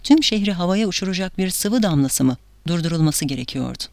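A woman's voice: fairly low pitch, expressive, fast, darkish tone, no echo. A woman voicing a fervent male priest, zealous and anguished, with an intense, fanatical delivery.

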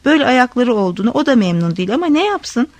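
A woman's voice: on the high side, sing-song, rapid-fire, a little mellow, no room sound, voice pushed up. A woman voicing a grumbling male peasant coachman in a read-aloud story. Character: rough peasant male coachman, gruff and frightened.

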